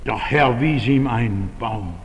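A man's voice: mid-range voice, unhurried, in a large hall, a little hiss or hum, low-quality recording. An older man preaching a sermon in a church, emphatic and repeating his key phrases.

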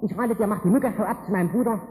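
A man's voice: high voice, racing, a little mellow, voice pushed up, lightly acted. A man voicing a scheming, protective mother within a sermon, giving urgent, conspiratorial advice. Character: scheming protective mother, middle-aged woman. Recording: reverberant hall with faint ambient noise.

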